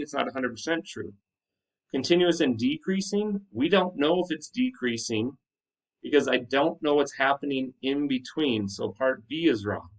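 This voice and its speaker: Male teacher addressing class, distant mic. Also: mid-range voice. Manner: instructive, checks understanding with questions. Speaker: high school math teacher. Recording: distant microphone.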